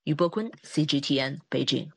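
A woman news reporter narrating a scripted feature story in a measured delivery. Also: extremely low pitch, gravelly, breathy edge, no room sound.

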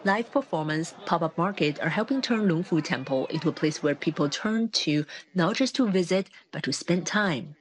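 Low-voiced woman news reporter. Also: animated. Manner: measured reporting delivery. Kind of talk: scripted news narration.

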